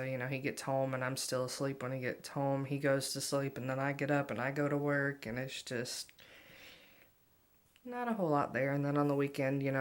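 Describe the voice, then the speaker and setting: A woman in her twenties chatting casually to viewers in a rambling, self-deprecating, offhand way. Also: extremely low pitch. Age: 20s. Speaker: vlogger.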